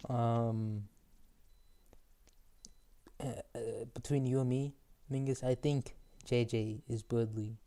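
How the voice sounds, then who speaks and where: Hesitant, rambling podcast host. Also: male voice, medium pitch, fairly even intonation, slow pace, long pauses, dark tone, clean tone. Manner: hesitant, many ums and likes, laughs easily. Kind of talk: casual podcast chat.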